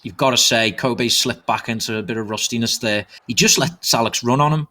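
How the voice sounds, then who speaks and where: A man doing fast live play-by-play commentary on an online soccer match, jumping up in excitement at goals and a little out of breath. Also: medium pitch. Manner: excitable, rapid, rises sharply on goals. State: slightly out of breath. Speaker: esports commentator.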